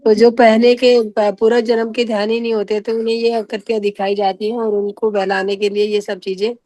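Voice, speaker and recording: A woman's voice: fairly high pitch, level tone, moderate pace, dark tone, no room sound. A woman teaching meditation on a video call, patiently explaining with examples, her voice distorted and breaking up. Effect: distorted, breaking-up audio. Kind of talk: guiding a group meditation call.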